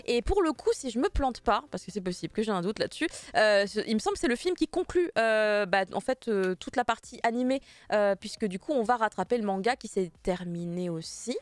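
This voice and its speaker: A woman's voice: medium pitch, animated, a little fast, few pauses. A woman hosting a casual online panel chat from home, talkative, laughing often and trailing off into fillers. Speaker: host. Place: at home with a cat nearby.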